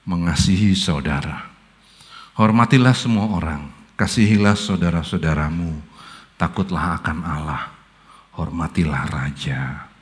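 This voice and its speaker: A middle-aged pastor with a Jakarta accent, preaching a casual youth sermon in slangy storytelling, dropping to low murmurs and jumping to high excited bursts. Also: male voice.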